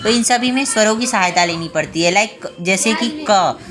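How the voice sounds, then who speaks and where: A woman teaching a grammar class online, explaining step by step and pausing to check the class is following. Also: mid-range voice, fairly bright tone. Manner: spells out sounds slowly, one by one.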